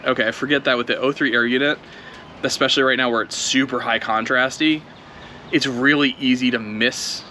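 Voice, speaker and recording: A man talks casually outdoors, his voice bright and a little forceful as he thinks aloud mid-flight. A faint outdoor hum sits behind him. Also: medium pitch. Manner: relaxed, chatty, thinking aloud while flying. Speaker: drone video creator. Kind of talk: casual first-flight commentary.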